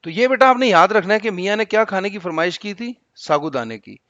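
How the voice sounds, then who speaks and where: Male teacher walking students through a reading lesson; patient, explaining each word; high voice, muffled sound. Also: animated, a bit bright, no room sound.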